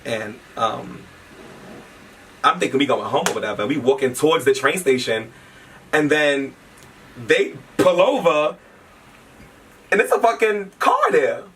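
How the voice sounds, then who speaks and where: A man telling a personal story in casual chat, animated and quick to laugh, swearing freely. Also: on the high side. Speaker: interviewee telling a shared story. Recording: distant mic with faint background noise.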